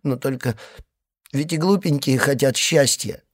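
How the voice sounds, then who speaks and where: A man's voice: mid-range voice, measured pace, husky. A man playing a sobbing young wife. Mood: tearful pleading. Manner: sobbing, pleading, breathless outbursts. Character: young woman, tearful, desperate abandoned wife.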